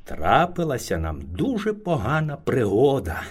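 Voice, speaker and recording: A little hare in a storybook tale bows and pleads with great courtesy, as a man reads him aloud. The delivery is unhurried and the pitch rises and falls lively. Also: breathy edge, heavily acted. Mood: pleading. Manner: very polite, flattering. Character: small timid but clever male hare.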